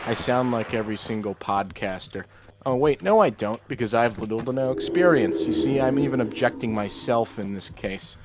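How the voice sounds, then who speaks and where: A young man doing gameplay commentary in a deadpan monotone, rambling through offbeat musings. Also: mid-range voice, brisk, dull audio. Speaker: gaming channel host.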